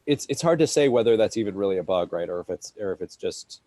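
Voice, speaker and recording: A man's voice: on the low side, expressive, fast, mellow, no echo. A man on an online meeting call talking through a technical problem, hesitant and wry, with many restarts. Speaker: maintainer on open project call. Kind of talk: casual technical meeting talk.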